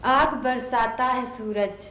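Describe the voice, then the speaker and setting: An actress playing a young woman reciting a love poem in a slow, lyrical way. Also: fairly high pitch, fairly bright tone. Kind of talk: television drama acting. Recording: roomy echo, faint background noise.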